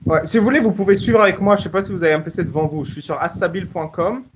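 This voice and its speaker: A man's voice: sits high, racing, slight background noise. A man hosting a casual live audio chat, joking and often restarting his sentences. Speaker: host.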